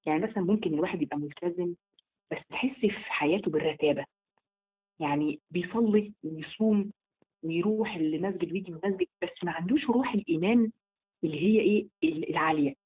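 A woman with an Egyptian Arabic accent giving a live online religious lesson. She talks rapidly and emphatically and slows down to recite scripture. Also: fairly low pitch, lively intonation, vocal fry, slightly rough. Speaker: religious teacher. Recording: tinny phone-like audio.

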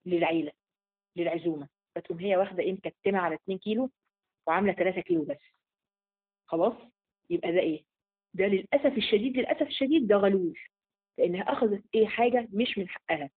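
Rapid-talking Egyptian woman teaching religion. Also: mid-range voice, husky. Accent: Egyptian Arabic. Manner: colloquial, rapid, poses rhetorical questions then answers them. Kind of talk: religious lesson to women. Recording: phone-like narrow sound.

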